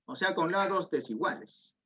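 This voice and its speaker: A man's voice: sits high, expressive, normal speed, sharp tone. A man teaching a geometry class online, patiently explaining step by step and asking students questions. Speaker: secondary school math teacher. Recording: dull lo-fi audio.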